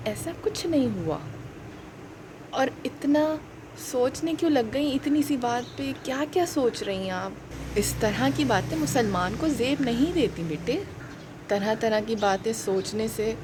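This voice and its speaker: Woman playing a calm, soft-spoken mother, gently advising. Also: fairly high pitch, noisy background. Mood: soothing. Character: calm, kind mother figure.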